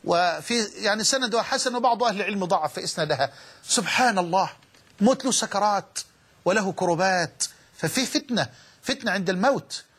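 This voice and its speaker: A man's voice: high voice, expressive, brisk, fairly bright tone, husky. An Egyptian man preaching a sermon, fervent and repeating phrases for emphasis.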